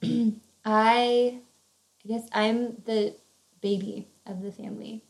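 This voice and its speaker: A woman's voice: fairly high pitch, little pitch movement, slow, a little mellow, low-quality recording. A woman in her early twenties from Virginia, co-hosting a podcast in chatty casual talk with bubbly, giggly asides. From Northern Virginia, USA. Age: 20s. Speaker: podcast co-host. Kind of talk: casual chat.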